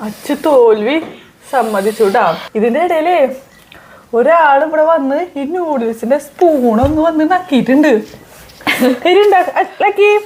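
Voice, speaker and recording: A woman's voice: high voice, moderate pace, a little mellow, a little hiss or hum. A young woman hosting a casual home vlog, talking in a playful, teasing, upbeat way. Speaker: vlogger host.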